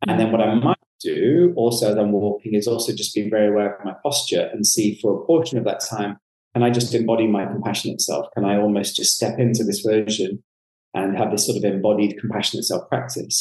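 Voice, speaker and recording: A man's voice: fairly low pitch, warm tone. A man, a clinical psychologist, explaining his ideas reflectively in a conversational interview, with frequent "you know" asides. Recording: roomy echo.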